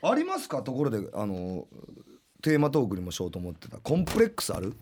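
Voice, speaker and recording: A man's voice: medium pitch, wildly swooping pitch, quick pace, noisy background. A man with a Kansai accent hosting a casual chat in a teasing, joking way. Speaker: radio show host, comedian.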